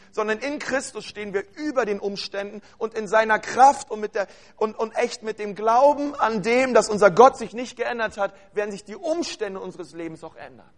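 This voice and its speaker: A man with a notably high-pitched voice delivers a sermon to his congregation. He speaks with earnest, urging conviction and builds his points through repeated phrases. He addresses his listeners directly as "you". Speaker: preacher.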